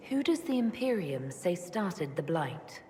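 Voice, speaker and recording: An actress playing a composed elf mage leader in a fantasy game, measured and gently teasing. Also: female voice, on the low side, big pitch swings, slight background noise. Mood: calm, probing. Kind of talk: dramatic video game cutscene acting. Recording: long reverb, faint background ambience.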